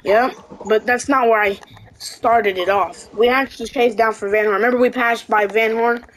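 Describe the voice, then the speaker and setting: A woman in a western game roleplay, playing the parent of the group in a casual, chatty way. She fills her lines with ums and easy asides, her voice sitting a bit high, with faint noise in the background. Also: steady tone, moderate pace, low-quality recording. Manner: casual, chatty, many fillers. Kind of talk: in-character game roleplay chat.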